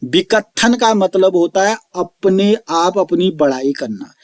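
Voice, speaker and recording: A man teaching an online lecture, slowly explaining each term and repeating it, reciting verse lines drawn out. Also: high-pitched, animated, dry recording, studio quality. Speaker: Sanskrit teacher.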